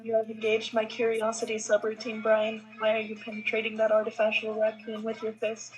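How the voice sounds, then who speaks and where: A woman's voice: on the high side, completely flat delivery, a little fast, lightly acted. A woman voicing a literal-minded, earnest game robot in formal, precise wording. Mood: curious, earnest. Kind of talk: reading a video game role aloud. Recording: slightly dull audio, music behind.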